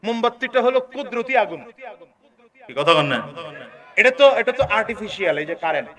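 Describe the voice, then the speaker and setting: High, bright-voiced preacher man. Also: lively intonation, quick pace. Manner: calls on the crowd to answer loudly, swings between shouting and low asides. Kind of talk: sermon. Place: large gathering with a crowd.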